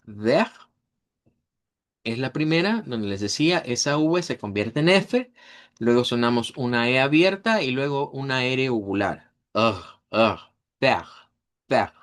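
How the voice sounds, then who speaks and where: A man's voice: medium pitch, very animated, unhurried. A man teaching a language class, patient and methodical, repeating example words several times. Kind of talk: online class lesson.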